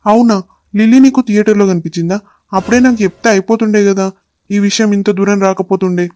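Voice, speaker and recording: A woman's voice: mid-range voice, fast talker, mellow, natural voice. A woman doing a doting cartoon husband. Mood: coaxing. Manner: coaxing, calls his wife endearments. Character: young husband, doting, quick-tempered.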